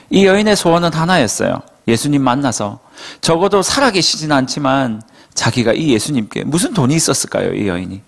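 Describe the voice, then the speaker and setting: A male pastor preaches to a young congregation, telling the story with animation and asking rhetorical questions. His voice sits at a middle pitch but rises and falls in a very lively way. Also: vocal fry. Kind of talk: sermon.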